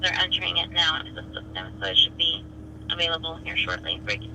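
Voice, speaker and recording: A man's voice: on the high side, big pitch swings, quick pace. A man working as a police dispatcher, heard over police radio, giving clipped radio codes. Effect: police radio transmission. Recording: noisy scanner radio audio.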